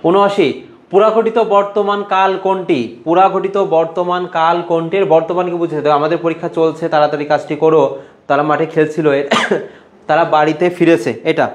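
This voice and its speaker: A man's voice: fairly high pitch, flat delivery, moderate pace. A young man with a Bangladeshi Bengali accent teaching an online exam-prep class, coaxing and repeating answers for students. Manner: coaxing, repetitive teaching, addresses students by name. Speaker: admission coaching teacher.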